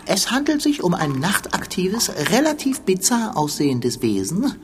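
A woman's voice: medium pitch, big pitch swings, normal speed, natural voice. A woman voicing a small, pompous know-it-all male creature in a children's audio drama, speaking in a prim, formal, lecturing way. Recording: music playing underneath.

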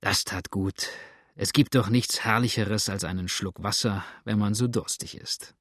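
A man voicing a gruff, irritable frontier settler who curses and shouts in an audiobook. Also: fairly low pitch, measured pace, no room sound, clean studio sound. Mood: content. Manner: cursing, shouting at dogs. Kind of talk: audiobook character voice.

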